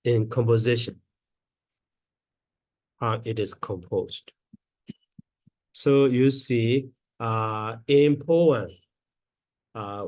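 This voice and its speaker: A man teaching Pali grammar in a slow lesson, counting syllables aloud one at a time with many pauses and fillers. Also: medium pitch, a little mellow, no echo.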